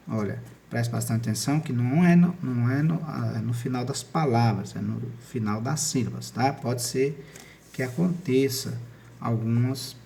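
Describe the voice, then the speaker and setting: Man, teacher, warm mellow voice, patient explaining, faint room noise. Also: medium pitch. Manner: patient, explaining step by step with frequent "tá?" check-ins. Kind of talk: recorded spelling lesson for students.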